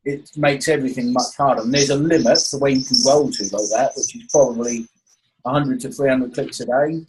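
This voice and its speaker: A man's voice: mid-range voice, darkish tone, a little hiss or hum, poor audio. A man with a Norfolk, East Anglian accent hosting an informal online coaching session in a matey way. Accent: Norfolk, East Anglian English. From Norfolk, England. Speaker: webinar host and coach. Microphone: online webinar call.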